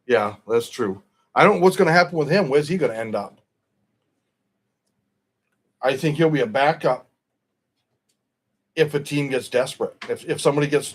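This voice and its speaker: A man's voice: a little high, normal speed, pauses often. A middle-aged man hosting a stream, chatting casually about football in a rambling, opinionated way and often correcting himself. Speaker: stream host.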